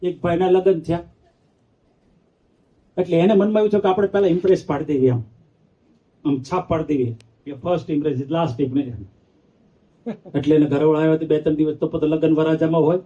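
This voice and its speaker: Male monk with a lilt, high and mellow, telling teasing stories in a sermon. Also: steady tone, moderate pace, long pauses. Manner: playful, acts out the characters, teases the audience. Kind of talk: storytelling sermon. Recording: dull lo-fi sound.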